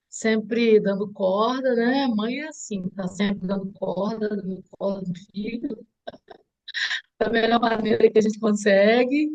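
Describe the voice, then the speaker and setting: A woman's voice: medium pitch, a little mellow, muffled recording. A middle-aged woman with a Brazilian Portuguese accent, talking earnestly and reflectively as a mother being interviewed, often restarting her sentences. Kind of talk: heartfelt conversation.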